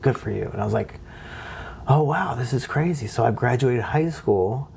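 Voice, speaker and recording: A man's voice: medium pitch, normal speed, gravelly, a little hiss or hum. A young man from California telling stories from his past in a casual interview, acting out what others said to him in raised voices. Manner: animated, acts out quotes in raised voices. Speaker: interview guest. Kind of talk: casual storytelling.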